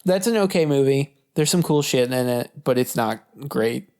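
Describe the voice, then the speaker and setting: In this informal movie chat, the young male co-host sounds expressive, with a mid-range, darkish voice at a normal speed. He hesitates a lot and swears throughout.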